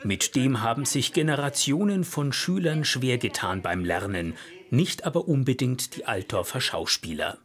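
A man's voice: mid-range voice, animated, moderate pace. A man reading scripted narration for a television report as a voice-over.

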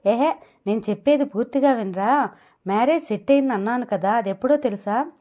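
A woman's voice: fairly high pitch, muffled recording, close to an everyday voice. Woman doing a flustered young groom. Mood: anxious. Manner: flustered, rushing and pleading. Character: anxious young male groom, pleading. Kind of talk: audio novel dialogue.

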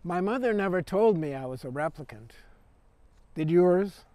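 A man's voice: high-pitched, animated, moderate pace, warm tone, no room sound. Wry, prying replicant, read by a man poet. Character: wry, restless replicant on an off-world trip. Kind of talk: poetry reading.

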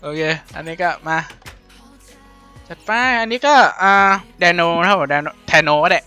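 A young man playing and commenting on a video game in a casual, playful way, laughing often and yelping when excited. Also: fairly high pitch, a little slow, soft background music. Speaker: gaming YouTuber.

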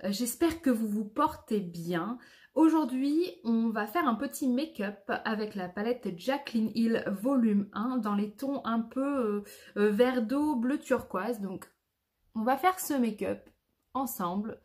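A woman's voice: fairly high pitch, slow pace, a little mellow. A woman, a makeup artist talking viewers through a makeup tutorial step by step in a chatty way. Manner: chatty, shows each step.

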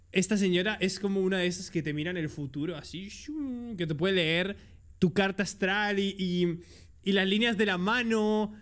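A man with a Spain Spanish accent streaming a game, joking excitably and talking to his chat. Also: high-pitched. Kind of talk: live gameplay commentary.

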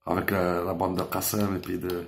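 A man's voice: sits low, completely flat delivery, normal speed, gravelly, slight background noise. A man telling a rambling, emotional story in a casual monologue, dropping Arabic religious expressions and swearing as he goes. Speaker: vlogger.

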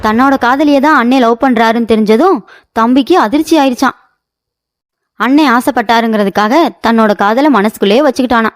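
A woman's voice: on the high side, brisk. A woman narrating a cartoon comedy story in a plain, folksy storytelling way.

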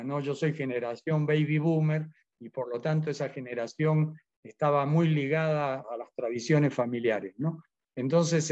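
A man's voice: a little high, a little mellow, dull audio. A man in his seventies, born in Argentina, speaking as an interview guest, hesitant and full of fillers. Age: 70s. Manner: hesitant, many fillers and restarts. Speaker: interview guest, Biodanza teacher. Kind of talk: casual interview.

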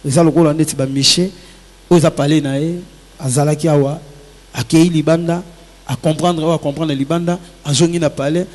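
Speaking briskly in a fairly high, steady voice with a darkish tone, a musician guest gives advice in a relaxed interview that mixes Lingala with French. His manner is earnest and reflective, and the audio carries long hall reverb and faint music.

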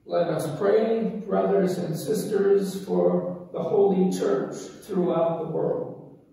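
A man slowly intoning prayers and readings as the officiant of a church service, heard with a cathedral echo. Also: high-pitched, sing-song, creaky, mellow. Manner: slow, solemn intoning. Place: large church. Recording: cathedral echo heard from far off, faint ambience.

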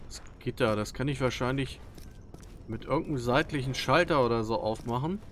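A man's voice: mid-range voice, a little fast, a bit bright, a little hiss or hum. A man giving casual gameplay commentary into a headset, sometimes reading on-screen text aloud. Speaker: let's player. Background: faint game music.

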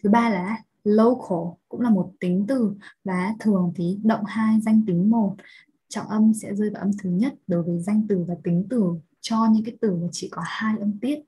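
Husky-voiced Vietnamese woman teaching English. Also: medium pitch, steady tone, moderate pace, warm tone, poor audio. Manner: explanatory, checks understanding with rhetorical questions. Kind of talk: pronunciation lesson.

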